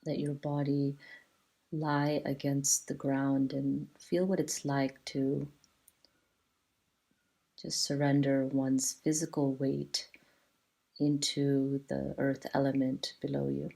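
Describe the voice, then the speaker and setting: In a soothing, measured manner, a woman guides a yoga relaxation, leaving long pauses between short phrases. Her voice rumbles low and creaks, with a flat delivery and a warm tone. The recording quality is poor.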